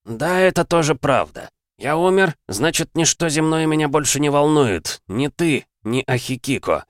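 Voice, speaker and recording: A man's voice: on the high side, lively intonation, normal speed, no room sound, clean studio sound, voice pushed up, close to an everyday voice. A man voicing a gloating undead demon father who sneers and taunts his son.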